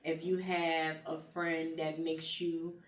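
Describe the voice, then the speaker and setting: A woman co-hosting a casual advice chat, speaking earnestly and pausing on fillers as she makes her points. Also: deep voice, level tone. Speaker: podcast co-host. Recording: echoey room, mic at a distance, faint noise.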